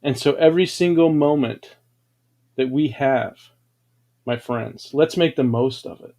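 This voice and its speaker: A man's voice: mid-range voice, a little slow, warm tone. A man hosting a livestream, telling grand, boastful stories in a dramatic, preachy way. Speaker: livestream host. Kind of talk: grandiose motivational storytelling.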